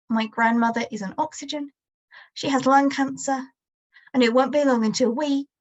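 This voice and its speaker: A woman author reading her own prose aloud in a measured, quiet first-person narration. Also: fairly high pitch, muffled recording.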